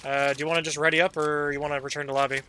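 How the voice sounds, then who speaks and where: Bright, high-voiced male streamer. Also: little pitch movement, very fast, slight background noise. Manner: rambling, swears casually. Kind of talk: casual gaming chat.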